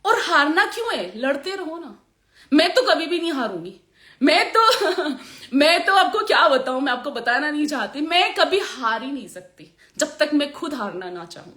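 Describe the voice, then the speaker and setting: High-pitched woman with a sore throat, chatty and laughing on a live stream, roomy echo. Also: moderate pace. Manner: animated, laughs often, repeats herself. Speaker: makeup artist on a live stream. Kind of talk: motivational live chat.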